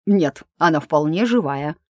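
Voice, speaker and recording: A woman's voice: low-pitched, animated, unhurried, darkish tone, dry recording, studio quality. A woman reading the part of an impatient, domineering lord who gives curt commands, in an audiobook.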